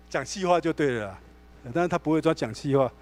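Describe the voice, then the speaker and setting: Lively Taiwanese pastor, slightly high voice. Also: male voice, moderate pace. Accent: Taiwanese Mandarin. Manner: animated storytelling, acts out dialogue. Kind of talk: sermon. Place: church sanctuary.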